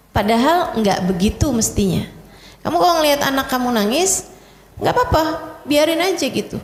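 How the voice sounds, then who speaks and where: A woman Islamic preacher, giving a religious lecture in casual storytelling speech and addressing her audience directly. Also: high voice. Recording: echoey hall with long reverb.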